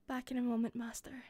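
In a listener-directed roleplay, a woman with a softened Scottish accent plays an attentive hostess, her fairly high voice close to the mic with no room sound. She speaks softly, whispering and giggling often.

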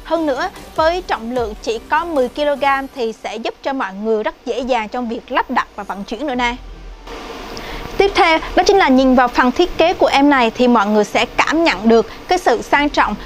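A woman's voice: high voice, animated, fairly quick, slight background noise. A woman presenting a product review for a shop in a friendly, chatty sales manner. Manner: chatty, friendly sales talk with frequent "nè" and "nha".

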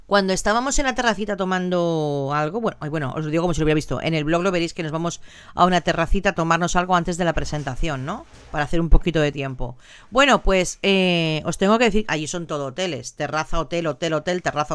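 A woman's voice: lowish voice, clean tone, dry recording. An older woman from Valencia in Spain, hosting a live stream in a chatty, affectionate way and greeting viewers by name. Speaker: live stream host reading viewer comments. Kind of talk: casual live chat.

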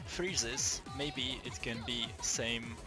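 A young Czech gaming video maker with a Czech accent gives a casual, halting tutorial, swearing frequently and restarting sentences. His voice is medium-pitched and steady, with music playing in the background.

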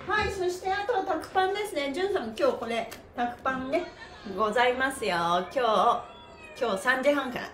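Speaking a little fast in a high-pitched voice, this pantomime performer hosts a livestreamed stretching class with cheerful, energetic, polite presenter flair. She mixes upbeat exercise instruction with casual chat to viewers, and the recording has a roomy echo and slight background noise.

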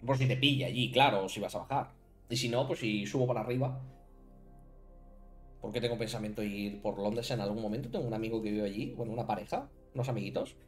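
Over soft background music, a man from Spain with a lowish, animated voice talks fast in his Spanish accent while building a card deck on stream. Chatty and thinking aloud, he addresses viewers in the chat by name.

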